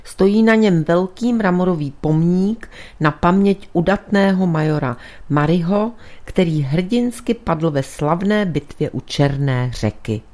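A woman's voice: on the low side, lively intonation, dark tone, close to an everyday voice. A woman voicing a shrewd male priest detective who presses his point earnestly in a storybook reading. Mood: grave.

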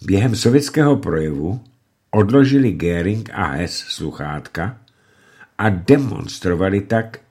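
A man giving scripted narration of a diary, reading in a steady storytelling way. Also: lowish voice, slightly rough.

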